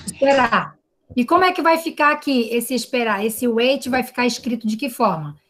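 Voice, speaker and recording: Her voice is on the high side and a bit bright, moving at a normal speed. She's an English teacher with a Brazilian Portuguese accent giving a class by video call, patiently explaining and regularly checking in with tag questions.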